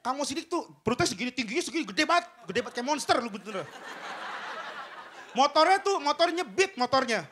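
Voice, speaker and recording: A man's voice: extremely high pitch, big pitch swings, brisk, background noise. A man doing a stand-up comedy routine on a TV stage, telling a story with vocal sound effects. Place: television studio stage with audience.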